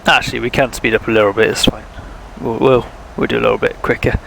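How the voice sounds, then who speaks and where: Young guy streaming a flight sim, kinda gravelly, sore throat, lots of ums while he figures stuff out. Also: medium pitch, fairly even intonation, fast, a bit bright, a little hiss or hum, rough recording. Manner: thinks aloud, hesitant, chatty with viewers. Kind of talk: casual live-stream commentary.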